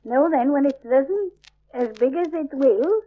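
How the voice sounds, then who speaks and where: A woman's voice: sits high, animated, moderate pace. An older woman with a broad, old-fashioned Yorkshire accent, explaining step by step in homely, informal dialect. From Yorkshire, England. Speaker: home baker, dialect speaker. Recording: dull lo-fi 1950s archive recording.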